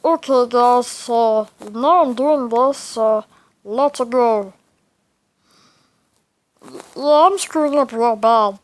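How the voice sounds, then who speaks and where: A woman putting on a slow, drawn-out alien voice while playing a game. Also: on the high side, no room sound. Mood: goofy.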